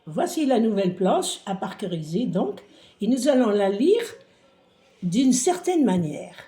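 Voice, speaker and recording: Slow patient woman teacher. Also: medium pitch, mellow. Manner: slow, patient, sing-song syllables. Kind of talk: reading lesson for young children. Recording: roomy echo.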